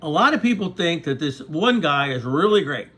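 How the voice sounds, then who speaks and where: A man in his sixties, a vlogger, rambles casually to his viewers and keeps pausing to ask "okay?" to check in with them. His voice is fairly high and pushed, with a bright tone, wide pitch swings, and a normal speed.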